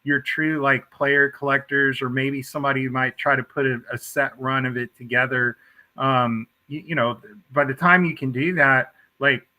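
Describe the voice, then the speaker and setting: Bright-voiced man in casual chat. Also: mid-range voice, flat delivery, moderate pace, low-quality recording. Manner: conversational, filler-heavy, stumbles and restarts. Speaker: podcast co-host.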